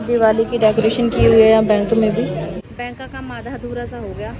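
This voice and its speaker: Chatty woman vlogger, fairly high voice. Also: little pitch movement, brisk, over music, a crowd in the background. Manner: chatty, teasing, asks many questions. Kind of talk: casual daily vlog narration. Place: at home and out running errands.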